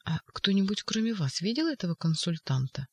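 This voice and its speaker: A reader voicing a calm male doctor who asks measured questions in an audiobook. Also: mid-range voice, breathy edge, no room sound.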